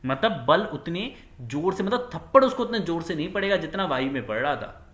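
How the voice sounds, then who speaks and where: A man's voice: fairly high pitch, sing-song, brisk, fairly bright tone, roomy sound. A man teaching a physics lesson, who repeats key words and asks questions that he answers himself. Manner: acts out little scenes with quoted dialogue. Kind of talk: classroom lecture.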